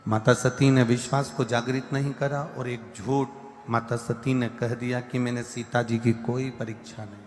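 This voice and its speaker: A man preaching a devotional sermon, stressing his points through lists and repetition, and now and then singing verses over music. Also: medium pitch. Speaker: religious storyteller. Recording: music bed in a reverberant hall.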